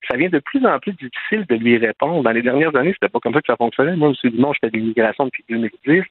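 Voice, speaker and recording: A man with a Quebec French accent is being interviewed as a guest. His delivery is very quick and explanatory. He comes through a dry, tinny phone line with little bandwidth. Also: mid-range voice, no room sound. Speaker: interview guest, immigration professional.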